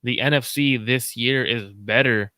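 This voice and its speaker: A man hosting a casual football talk, his voice smooth and clean on a dry, close mic. He talks in a measured, analytical way and circles back to his key points. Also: medium pitch, sharp tone, no room sound. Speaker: host. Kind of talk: casual sports chat.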